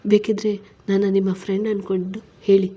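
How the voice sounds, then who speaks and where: A woman's voice: mid-range voice, level tone, fairly quick, warm tone, slightly rough, lo-fi sound, close to an everyday voice. A woman reading a story, voicing a caring young wife who coaxes and soothes her husband. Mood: coaxing.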